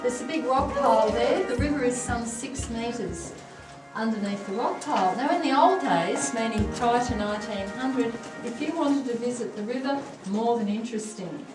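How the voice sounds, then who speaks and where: Guiding visitors through a limestone show cave, an Australian woman chats wryly about its history at a moderate pace. Her voice is on the high side and echoes off the cave walls, with loud music playing behind.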